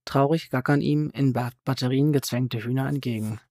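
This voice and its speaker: A male narrator reads a psychological thriller in a calm, measured voice with a gravelly texture. The recording is close and dry, with no room sound at all. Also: mid-range voice, dry recording. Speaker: audiobook narrator. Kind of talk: scripted audiobook narration.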